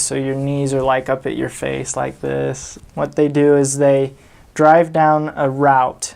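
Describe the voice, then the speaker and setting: A man's voice: medium pitch, creaky, a little mellow. A young man from the United States casually telling anecdotes as a vlogger, chuckling often as he recalls them. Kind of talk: casual storytelling.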